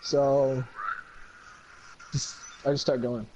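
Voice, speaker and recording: A man's voice: mid-range voice, little pitch movement, slow pace, darkish tone, slight background noise, poor audio. A man talking as a guest in casual chat, profane, rambling and heated.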